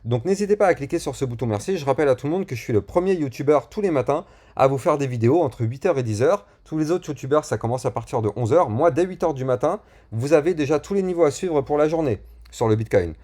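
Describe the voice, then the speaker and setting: A man's voice: fairly high pitch, expressive, fast, warm tone. Male crypto YouTuber, casual and slangy, filler-heavy chart walkthrough. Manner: chatty, with frequent fillers and slang. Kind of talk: chart analysis and channel promotion.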